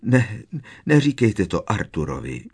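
A man's voice: lowish voice, very animated, gravelly, darkish tone, husky, heavily acted. A man voicing a distraught middle-aged mother witch who sobs, stammers and gasps for breath in an audiobook reading. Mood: sobbing.

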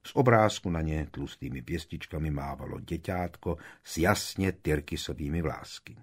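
A man's voice: a bass voice, animated, breathy edge. A man reading an audiobook aloud, telling the story expressively. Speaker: audiobook narrator.

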